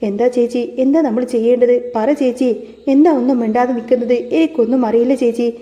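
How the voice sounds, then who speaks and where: A distraught young woman asking anxious, pleading questions, as a woman narrator reads her part. The voice sits a little high but very dark and mellow. The recording is slightly dull and lo-fi. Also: fairly even intonation, a little fast, lightly acted. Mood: tearful, anxious.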